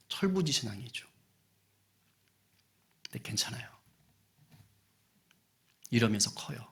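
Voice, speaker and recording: A man, the senior pastor, preaching a sermon with animation, acting out people's prayers and dropping to hushed asides. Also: medium pitch.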